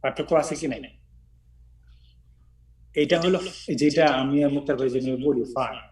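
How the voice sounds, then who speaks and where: A man's voice: fairly high pitch, steady tone, normal speed, darkish tone, distant mic, rough recording. Bangladeshi man explaining English stress. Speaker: teacher. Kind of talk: informal teaching chat.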